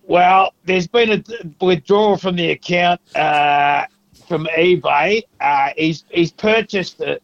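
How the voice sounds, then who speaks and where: A man playing a gruff middle-aged Australian father who rambles and stammers through a prank call to a comedy podcast. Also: high voice, slow pace, dry recording, exaggerated voice. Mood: complaining. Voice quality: gravelly, rambling, stammering restarts. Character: gruff middle-aged Aussie dad grumbling about his son. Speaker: prank caller. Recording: dull lo-fi phone line.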